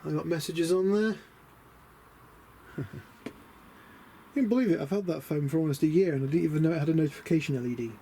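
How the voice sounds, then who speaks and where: A British man with a fairly high, mellow voice speaks fairly quickly but leaves long pauses, rambling casually and muttering asides in an understated, chatty vlog. He's a DIY vlogger showing his camper van conversion outdoors next to a van and a house. Wind noise comes through the noisy outdoor camera audio.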